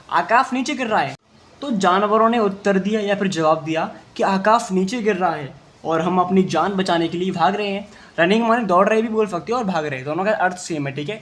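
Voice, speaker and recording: A man teaching an English story in Hindi, reading the English slowly word by word and then explaining each word's meaning, answering his own questions as if he were a student. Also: high-pitched, a bit bright.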